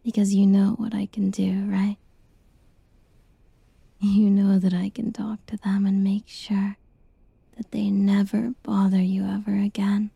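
Woman, ASMR whisper, soothing and tender, unhurried, flat even pitch, dark mellow tone. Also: creaky, breathy edge, no echo. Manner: soft, soothing whisper spoken close; slow, tender and reassuring. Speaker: ASMR roleplay performer. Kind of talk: whispered ASMR girlfriend roleplay.

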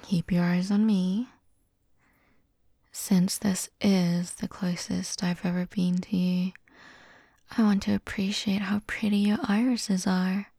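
A woman playing a doting, dominant young student in love, in an ASMR role-play, speaking softly and teasingly right into the listener's ear. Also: mid-range voice, flat delivery, slow pace, no echo. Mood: adoring, commanding. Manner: soft, close-up soft-spoken right into the listener's ear. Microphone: very close, dry.

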